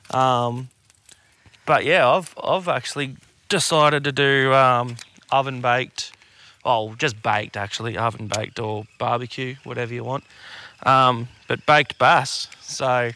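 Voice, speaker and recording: A man's voice: medium pitch, slow pace, bright, forceful tone, clean tone. A man with an Australian accent chatting casually as a podcast co-host, in a slangy, sweary, blokey tradesman way. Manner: laid-back blokey Aussie tradesman talk, slangy and sweary. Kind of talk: casual chat.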